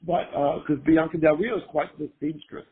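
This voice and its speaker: An older man, hoarse from a cold, chatting casually as an interview guest and rambling with lots of fillers. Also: a little high, steady tone, moderate pace. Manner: rambling, full of fillers and restarts. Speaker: guest, former costume maker. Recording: tinny phone-line sound.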